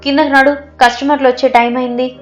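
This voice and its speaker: A woman's voice: high voice, level tone, a little fast, faint music behind, pitched above the performer's own voice, close to an everyday voice. A woman voicing a kindly middle-aged male hotel supervisor who talks in a soothing, coaxing way.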